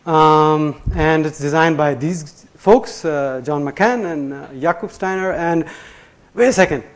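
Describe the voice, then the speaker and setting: Guy doing a tech talk, kinda high voice, lots of uh and um, rambly, laughs at himself. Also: takes it slowly. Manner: loose and chatty, many fillers and restarts, laughs at himself. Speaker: conference presenter. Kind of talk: live technical talk. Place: lecture room before an audience.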